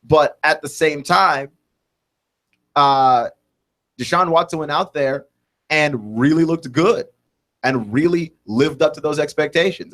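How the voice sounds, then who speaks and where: A man's voice: medium pitch, fairly bright tone. A man in his twenties hosting a sports talk radio show, thinking aloud in a rambling way with many restarts and "right?" tags. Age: 20s.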